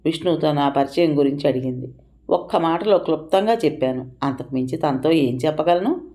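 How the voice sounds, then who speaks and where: A woman reads a story aloud as an audiobook narrator. Her voice is low-pitched and she tells it expressively, lifting her tone for quoted speech. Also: a little fast, mellow.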